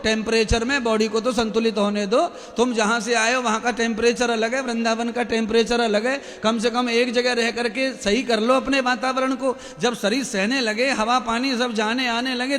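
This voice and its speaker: A man giving a devotional discourse as a spiritual preacher, telling a story in an animated way and acting out the voices of the people in it. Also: very high voice. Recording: long reverb with faint music.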